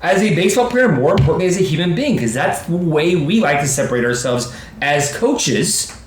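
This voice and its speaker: A man's voice: fairly high pitch, brisk. A man in his thirties, a youth baseball coach co-hosting a casual podcast, talking with emphasis and acting out quotes. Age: 30s. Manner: animated, emphatic, quoting himself in asides. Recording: roomy echo with faint background noise.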